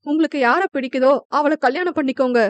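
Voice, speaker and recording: A woman's voice: high-pitched, fast talker, no room sound, lo-fi sound, lightly acted. A woman voicing a hurt young bride speaking through tears of reproach. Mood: tearful. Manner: wounded, tearful reproach.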